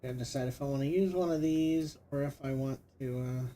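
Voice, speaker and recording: A man's voice: mid-range voice, a little fast, dark tone, slight background noise. A middle-aged man giving casual commentary while he plays, thinking aloud with lots of fillers. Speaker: gaming streamer.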